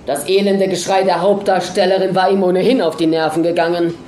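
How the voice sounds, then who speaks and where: A woman narrating a story aloud in a lively, dramatic reading manner. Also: on the low side, fairly quick, reverberant, a little hiss or hum.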